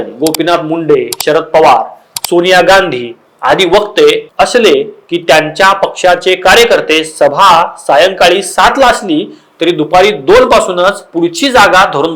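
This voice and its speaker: High-pitched man presenting political commentary. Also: fairly bright tone, poor audio. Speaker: presenter of a political news show. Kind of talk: scripted narration, news commentary.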